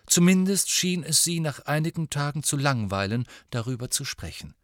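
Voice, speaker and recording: A man narrating an audiobook in scripted, expressive storytelling. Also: a little high, normal speed, no echo, clean studio sound.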